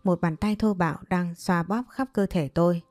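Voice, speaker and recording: A woman telling a first-person story in an even, steady, sorrowful manner. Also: lowish voice, moderate pace, no echo. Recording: dry voice with faint background music.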